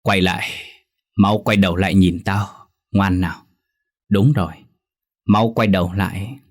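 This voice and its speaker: A shrill, vengeful hanging ghost woman, put on by a man in an audio horror story. The voice sits low and a little husky, wheedling and menacing by turns. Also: steady tone, a little slow. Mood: coaxing. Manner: luring, then raging, then whimpering like a child.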